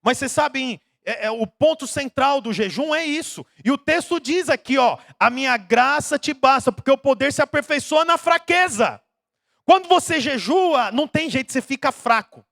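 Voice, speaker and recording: A man in his thirties with a Brazilian Portuguese accent, preaching a lively sermon and putting rhetorical questions to the congregation. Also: very high-pitched, moderate pace, dry recording, clean studio sound. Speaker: pastor.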